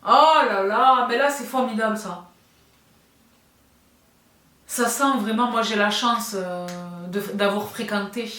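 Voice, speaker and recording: A woman's voice: mid-range voice, fairly bright tone, reverberant, recorded from a distance. A woman beauty vlogger chatting casually and effusively while reviewing skincare products, laughing often.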